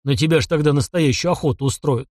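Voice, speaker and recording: A man reads as a heavy-set older constable, tired and grumbling. He mutters his words gruffly, with sighs behind them. The reading is dry and close to the mic. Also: fairly high pitch, quick pace, a little mellow, dry recording, close to an everyday voice. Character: stout older village constable, weary and grumbling.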